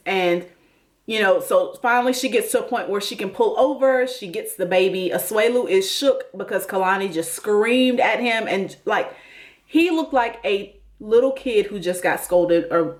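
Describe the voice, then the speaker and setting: A woman hosting a casual TV recap, chatty and opinionated, full of "like" and "you know". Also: medium pitch. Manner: chatty and opinionated, with many fillers. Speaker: recap host.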